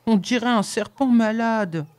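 A woman's voice: fairly high pitch, unhurried, darkish tone, voice pushed up, lightly acted. A woman reading an eager, impatient young male apprentice in a pleading, protesting storybook voice.

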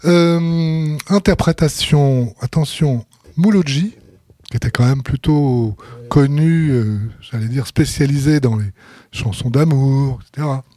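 A man's voice: mid-range voice, measured pace, dark tone, dry recording, studio quality. A man hosting a radio show, introducing records in a casual, hesitant way with many fillers and small chuckles. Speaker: radio host presenting records.

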